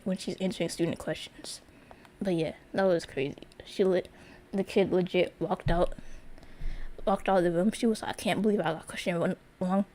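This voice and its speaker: Young adult female streamer, casual story time, lower-pitched voice, loose and rambling delivery. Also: darkish tone. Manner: rambling, filler-heavy, many restarts.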